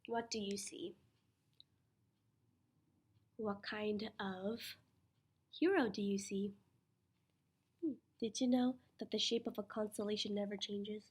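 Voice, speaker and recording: A female preschool teacher reads a children's science picture book aloud in a fairly high pitch. She's animated and encouraging, speaking to her young listeners and posing questions she then answers herself.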